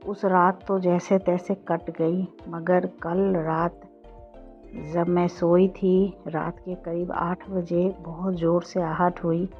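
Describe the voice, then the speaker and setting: A woman narrating a first-person horror story, slow, flat and hushed. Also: lowish voice. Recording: dull lo-fi audio with faint music.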